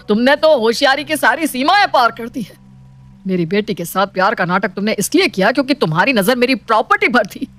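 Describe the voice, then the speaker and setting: A woman voicing a strict, proud, wealthy middle-aged father in an animated storybook, scolding and commanding. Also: a little high. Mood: angry.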